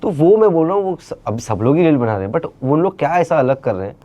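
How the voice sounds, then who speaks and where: Animated man chatting as interview guest. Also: fairly high pitch, quick pace, highs cut off. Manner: animated, mixes English into speech, many fillers. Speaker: interview guest, actor and creator. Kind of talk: casual interview chat.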